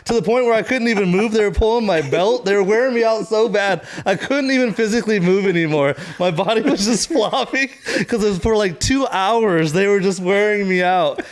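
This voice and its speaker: A man's voice: high-pitched, brisk, few pauses. A Marine veteran guest telling a story in casual, profane podcast talk, laughing as he goes. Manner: laid-back, profane, laughs through his story.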